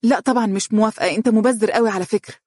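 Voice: medium pitch, very animated, quick pace, a little mellow, husky, no room sound, studio quality, voice pushed up. A narrator voicing a playful, stubborn young woman who speaks with an Egyptian accent, in a teasing tone. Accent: Egyptian Arabic.

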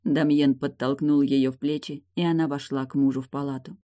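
A reader narrating a romance novel in an even, steady storytelling manner. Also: mid-range voice, fairly quick. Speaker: audiobook reader. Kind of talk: scripted narration.

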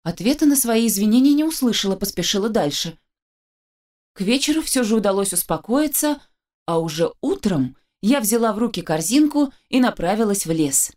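A woman narrating a first-person story as an audiobook reader, with lively storytelling and a dry wit. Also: medium pitch, moderate pace.

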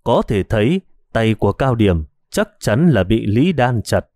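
A male narrator reading a detective horror story in a steady storytelling manner. His pitch sits in a middle range. The recording is dry with no room sound. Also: a little slow, no room sound. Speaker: audiobook narrator.

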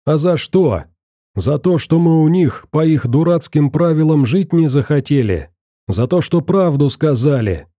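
A man's voice: animated, a little slow, warm tone, no echo, clean studio sound. A man voicing a hysterical, desperate bandit prisoner who rants shrilly, in an audiobook. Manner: shrill, ranting.

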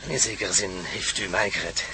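In a Dutch radio drama, a man voices a courteous Prussian nobleman who has defected from a villain's camp, speaking with a German accent. His fairly low, creaky voice is animated and moderately paced as he earnestly explains things, with background noise present.

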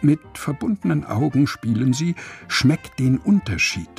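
Husky man, playful storybook narration, gravelly, lively. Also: mid-range voice, unhurried, soft background music. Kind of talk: children's story reading.

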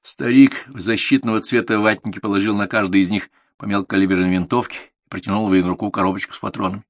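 Low-pitched guy reading a story, calm and even, super dry studio sound. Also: fast, dry recording. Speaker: audiobook narrator. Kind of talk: scripted literary narration.

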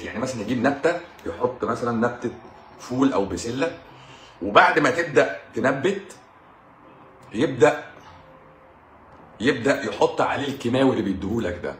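A man's voice: mid-range voice, fairly bright tone, roomy sound, slight background noise. A man with an Egyptian Arabic accent, a doctor hosting a live stream in a casual monologue, mocking and combative, repeating his points for emphasis.

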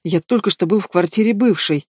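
A reader voicing a cowardly middle-aged man who shrieks in a shrill falsetto. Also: brisk, husky, no room sound, clean studio sound, lightly acted. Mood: panicked.

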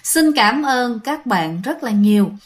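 A woman with a fairly high voice and a Southern Vietnamese accent narrates ghost stories. She talks in a chatty, animated way and leans on filler particles as she tells the tale. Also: measured pace. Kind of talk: casual storytelling to listeners.

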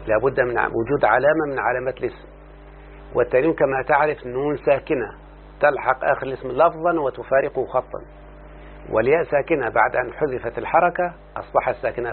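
A man with an Egyptian Arabic accent teaching a grammar lesson, speaking slowly and deliberately and quizzing his student as he goes. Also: medium pitch. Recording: tinny phone-like, faint hum.

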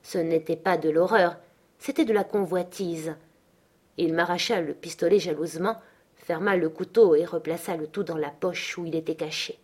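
A woman narrating a classic novel in the first person, in a measured reading. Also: fairly low pitch, a little mellow, husky. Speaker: audiobook reader. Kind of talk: literary audiobook narration.

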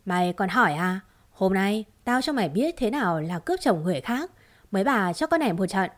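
A woman voicing a vicious middle-aged woman who shouts abuse fast and harshly. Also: mid-range voice, very animated, natural voice. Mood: threatening.

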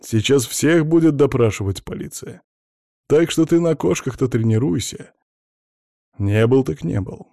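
A man's voice: mid-range voice, expressive, measured pace, gravelly, mellow, no room sound, clean studio sound, voice pushed up. A man reading an audiobook, voicing a blunt male boss who reassures in a folksy, patronizing way.

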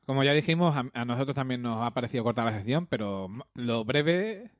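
A man's voice: medium pitch, lively intonation, a little fast, no room sound, clean studio sound. A man with a Spain Spanish accent co-hosting a podcast with casual, playful banter and section introductions. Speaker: podcast co-host.

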